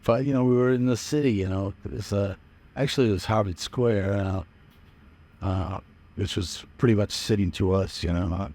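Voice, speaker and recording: Older man from Massachusetts, low-voiced and mellow, rambling casual recollections. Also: moderate pace. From Manchester, Massachusetts. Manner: rambling, chuckling, lots of fillers. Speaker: musician interviewed about his early band days. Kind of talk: casual interview reminiscing.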